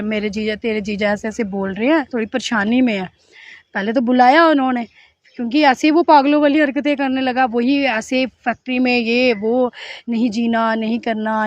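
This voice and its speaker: A high-pitched middle-aged woman tells her story in an earnest, pleading voice. She keeps slipping into the words of the people around her. The sound is dry and a little dull, like a lo-fi interview recording. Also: dry recording. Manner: earnest and pleading, often acts out others' words. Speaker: interviewee telling her account. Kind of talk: emotional personal testimony.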